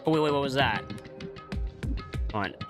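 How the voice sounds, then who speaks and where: A man's voice: medium pitch, normal speed. A man hosting a livestream, joking and reacting as he plays a game and reads its text aloud. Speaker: livestream host. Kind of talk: casual gaming commentary. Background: game music.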